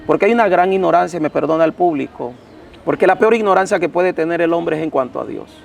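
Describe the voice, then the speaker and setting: With soft music playing in the background, a pastor recounts a dramatic personal testimony to an interviewer, telling it intensely as his voice swells and drops with emotion. He talks fast in a fairly high voice with vocal fry.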